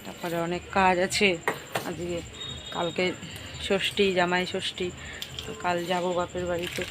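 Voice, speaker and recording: Middle-aged woman, lower voice, chatty housework vlogger, noisy home kitchen. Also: flat delivery, normal speed. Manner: running commentary on chores, repetitive. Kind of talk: casual chat to viewers.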